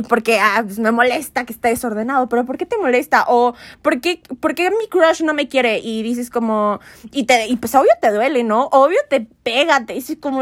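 A woman's voice: fairly high pitch, no room sound. A young woman, chatting casually on a podcast and acting out quoted voices. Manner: animated, laughs often, acts out quoted voices. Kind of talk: casual chat.

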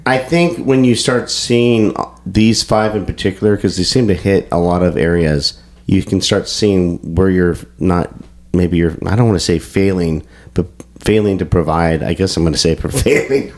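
A man co-hosting a podcast talks in a low, darkish voice at a moderate pace. He sounds congested and stuffy, and the casual chat is loose and rambling, with frequent restarts.

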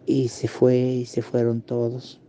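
A man in his fifties with an Argentine accent, recounting a personal memory in halting testimony with pauses and restarts. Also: mid-range voice, monotone, dark tone, slight background noise. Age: 50s. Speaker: interviewee giving testimony.

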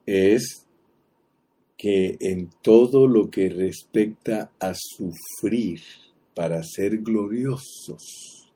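Deep dark voiced preacher guy, slow and husky, asks the congregation stuff. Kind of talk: sermon.

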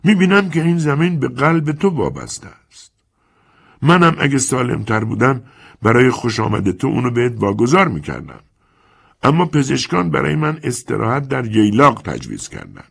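A man's voice: mid-range voice, creaky, slightly rough, pitched above the performer's own voice, heavily acted. A man doing a sly sickly old moneylender. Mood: calm, sly. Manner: soft, slow, calmly menacing. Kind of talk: audiobook character voice.

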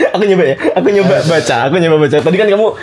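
A man's voice: high voice, racing, crowd noise. A young man co-hosting a podcast in casual, joking chat and laughing often. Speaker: podcast co-host.

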